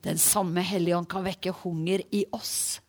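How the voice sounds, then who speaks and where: A woman preaching a sermon, animated and full of restarts, acting out the voices she quotes. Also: lowish voice.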